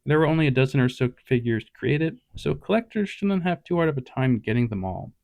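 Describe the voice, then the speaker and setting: A man narrates a retro media review in an easy, casual voice with a middle pitch. His delivery is wry and sarcastic. The recording is dry and close. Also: expressive, fairly quick, vocal fry, a little mellow, no room sound. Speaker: host.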